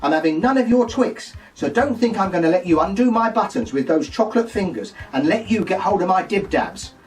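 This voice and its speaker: A man playing a gossipy, saucy pantomime dame in a camp, shrill, mock-scandalised voice, delivering a comic monologue. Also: lively intonation, a little fast, recorded from a distance, faint music behind. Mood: scandalised, indignant. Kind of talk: comic monologue full of puns.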